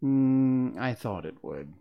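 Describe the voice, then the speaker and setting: A man voicing a sly, grinning male cat who teases and talks in riddles, drawing his words out with high swoops. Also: sing-song, slow pace, vocal fry, highs cut off, heavily acted. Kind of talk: storybook reading.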